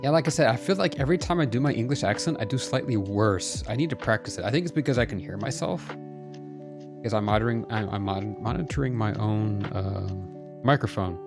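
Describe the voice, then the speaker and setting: A man with a lowish voice talks briskly and animatedly to his viewers on a live game stream, speaking straight to chat in a self-deprecating, casual way. Soft music plays in the background, and his audio comes from a desk mic while he wears headphones.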